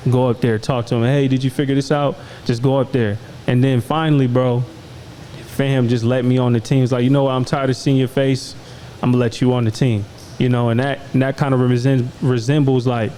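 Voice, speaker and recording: Talking fairly quickly with little pitch movement, a young Des Moines, Iowa podcast host has a mellow, mid-range voice. He chats casually and slangily, frequently tossing in "you know what I'm saying." Slight background noise marks a rough recording.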